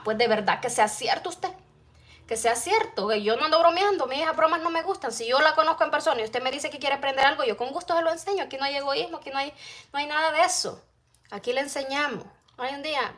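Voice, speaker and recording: A middle-aged Salvadoran woman vlogs on a phone live stream from her home kitchen, cooking and reading viewers' comments aloud as she chats casually. Her voice sits high and a bit bright, picked up close by the phone camera.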